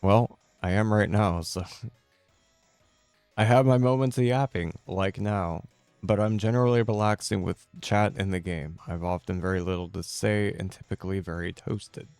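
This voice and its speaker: A man chatting casually as a game streamer, answering viewers' questions in a laid-back, rambling and halting way. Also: low-pitched, fairly even intonation, darkish tone, smooth, no echo, faint music behind.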